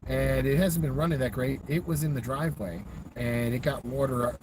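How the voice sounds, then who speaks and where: A man's voice: mid-range voice, normal speed. A man rambling conversationally in a casual live vlog as he drives, recorded on a phone on the dashboard. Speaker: livestreamer narrating a night drive. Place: inside a moving car at night. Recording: loud car and road noise.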